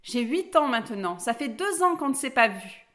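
A woman's voice: high voice, big pitch swings, normal speed, fairly bright tone, pitched above the performer's own voice. A woman voicing a cheerful, polite eight-year-old girl in a storybook. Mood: eager.

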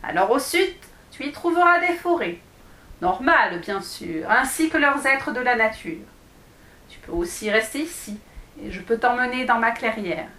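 A woman's voice: on the high side, expressive, normal speed, pushed and bright. A woman voicing a friendly forest salamander who kindly explains and guides, recorded in an echoey room.

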